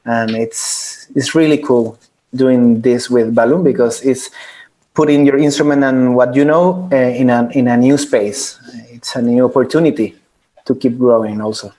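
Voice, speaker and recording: Earnest halting man. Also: medium pitch, fairly even intonation, dark tone. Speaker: band member. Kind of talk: casual Q&A answer.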